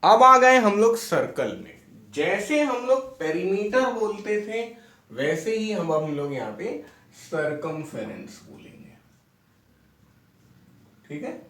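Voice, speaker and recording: Animated man teaching maths, echoey room. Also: sits high, slow pace, pauses often, distant mic. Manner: explains step by step, asks "ठीक है?" often. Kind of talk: classroom lecture at a board. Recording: echoey room, mic away from speaker.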